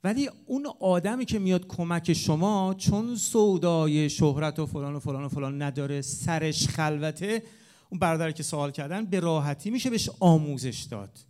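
Addressing an assembled crowd, this man lectures with real passion on the subject of religious eulogy singing. Though his pitch is rather high, the tone stays mellow and warm, and his volume lurches from loud, urgent surges to soft, hushed side remarks.

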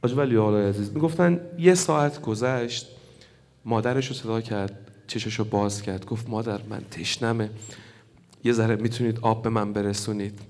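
A man's voice: on the low side, steady tone, darkish tone. A man delivering an emotional storytelling sermon at a mourning gathering, retelling a story with quoted dialogue and building to impassioned intensity. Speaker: religious speaker at a mourning gathering. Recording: long hall reverb.

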